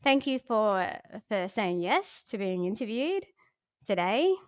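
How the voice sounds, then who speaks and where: A woman hosting a podcast interview in a casual, giggly manner, quick to reassure her guest. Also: medium pitch, big pitch swings, dry recording, clean studio sound. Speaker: podcast host.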